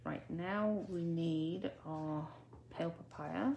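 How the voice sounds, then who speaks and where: A woman's voice: on the low side, slow pace, creaky, muffled recording, very noisy. A woman chatting her way through a card-making tutorial, self-deprecating and muttering to herself as she works. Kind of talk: casual crafting tutorial.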